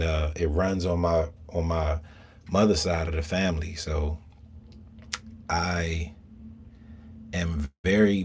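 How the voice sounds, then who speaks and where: An American man from Southern Maryland chatting casually on a live stream from inside a small home sauna, halting and rambling in an unhurried way. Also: very deep voice, a little mellow, a little hiss or hum. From Southern Maryland, USA.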